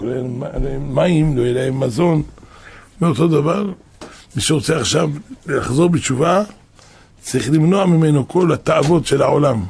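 A man's voice: medium pitch, gravelly, a little mellow, breathy edge. A man preaching a storytelling sermon who acts out the voices of the people in his stories.

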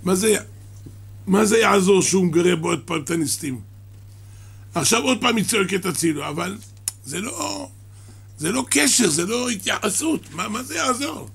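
A man giving a sermon that explains a midrash, halting and restarting his words and coughing now and then. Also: sits high, animated, creaky, fairly bright tone, breathy edge. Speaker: religious teacher.

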